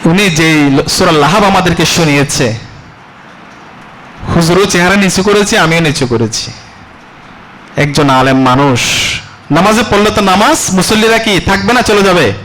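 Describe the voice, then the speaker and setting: A male preacher delivers a sermon in a fairly high voice. He puts rhetorical questions to the congregation and chants Arabic verses slowly. Faint background noise sits behind him. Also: fairly bright tone, rough recording. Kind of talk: Bengali religious sermon (waz).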